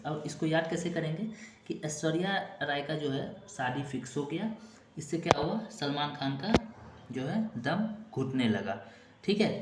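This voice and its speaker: A man teaches exam vocabulary in a classroom style, repeating each memory trick several times and dropping in short check-in asides. His voice echoes around a room, and there is clear noise behind it. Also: a little high. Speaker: exam-prep English teacher.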